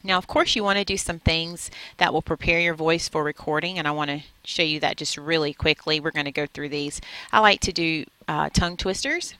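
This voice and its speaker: Bright-voiced woman teaching software step by step. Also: sits low, a little fast, dry recording, rough recording. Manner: clear, step-by-step instructional delivery. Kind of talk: screen-recorded tutorial. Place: at a computer, indoors. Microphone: USB headset microphone.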